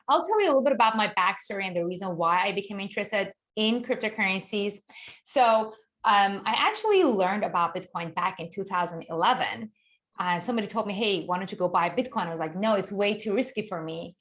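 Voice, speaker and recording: A woman's voice: medium pitch, expressive, normal speed, fairly bright tone. A woman from Iran, a guest author giving an enthusiastic webinar talk over a remote call microphone, explaining with frequent restarts. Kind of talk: webinar presentation.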